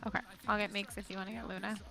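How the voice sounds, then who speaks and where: A woman's voice: medium pitch, flat delivery, racing, gravelly. A woman talking casually to teammates as a raid player in online game voice chat. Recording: voice chat under very loud music.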